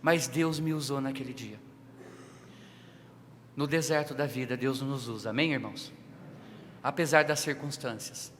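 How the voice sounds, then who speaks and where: A man with a Brazilian Portuguese accent preaching a personal testimony sermon, his delivery emotional and dramatic, swinging from loud to hushed. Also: mid-range voice, measured pace, pauses often, a little hiss or hum. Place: church sanctuary. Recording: reverberant church hall.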